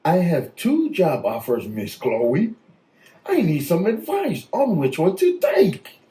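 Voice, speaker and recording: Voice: medium pitch, huge pitch swings, takes it slowly, dark tone, roomy sound. A caller on an advice line, asking for guidance in a plain way.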